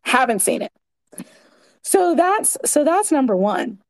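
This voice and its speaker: A woman in her forties with a high, bright-pitched voice talks in a casual live audio chat. She is earnest and methodical, walking through her points one at a time. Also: sing-song, takes it slowly. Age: 40s. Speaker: guest commentator.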